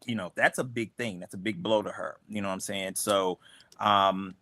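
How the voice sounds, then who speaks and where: A man who created a comic and serves as his cast's boss chats casually with them on a livestream, rambling with many fillers and restarts and laughing often. His voice is lowish, steady, bright and forceful at a moderate pace, with no room sound.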